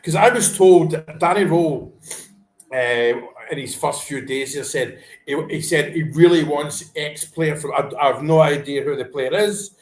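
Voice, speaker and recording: A man vlogging a live football reaction from home, chatting casually, then erupting into shouted celebration and swearing before apologising. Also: a little high, unhurried, echoey room, low-quality recording. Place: at home, wife in the room.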